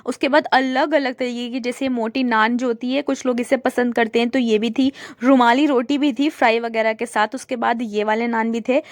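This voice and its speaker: A woman's voice: fairly high pitch, fairly even intonation, moderate pace, hardly any pauses, dry recording, clean studio sound. A young woman vlogging in a chatty, casual way, talking viewers through what she is showing them. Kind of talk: casual vlog narration.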